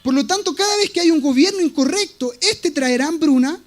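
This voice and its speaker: A man preaching a sermon in a strikingly high voice. He is emphatic and insistent, circling back to the same words to drive each point home. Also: expressive, a little fast. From Latin America. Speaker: pastor.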